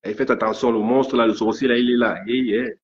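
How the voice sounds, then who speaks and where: A man's voice: mid-range voice, steady tone, brisk, a little hiss or hum. A man ranting angrily on a live stream, stammering and repeating his threats. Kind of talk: angry live rant. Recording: dull lo-fi stream audio.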